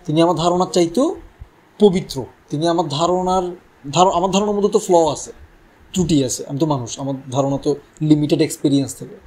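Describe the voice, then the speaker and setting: A man's voice: fairly high pitch, a little fast, a little mellow. Conversational male preacher, rhetorical questions. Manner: conversational, asks rhetorical questions, mixes English words. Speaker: Islamic preacher. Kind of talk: religious talk.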